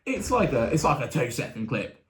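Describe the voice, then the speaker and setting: A man's voice: medium pitch, very animated, moderate pace, a bit bright. A young man chatting casually about sports, rambling with restarts and asides. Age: young adult. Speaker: sports vlogger. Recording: roomy echo.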